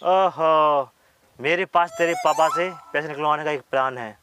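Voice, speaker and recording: An actor playing a scheming, persuasive young village friend, conspiratorial and rustic, in a comedy skit. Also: male voice, on the high side, moderate pace, noisy background, lightly acted. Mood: gossipy.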